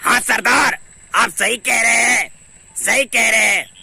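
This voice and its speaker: Meek old male servant, gravelly, husky, bright, deferential. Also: very high-pitched, steady tone, slow pace, dry recording, heavily acted. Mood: agreeable.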